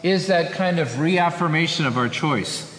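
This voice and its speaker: A man preaching a sermon as pastor, with earnest emphasis, rising on key phrases and slowing down for scripture quotations. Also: fairly high pitch, fairly bright tone. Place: church. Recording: echoey church hall.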